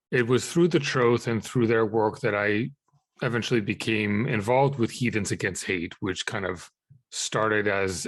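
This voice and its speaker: A man in his thirties from Israel, a podcast guest answering questions in a halting way with many fillers and restarts. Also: fairly low pitch, a bit bright, dry recording. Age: 30s. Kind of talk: conversational interview answers.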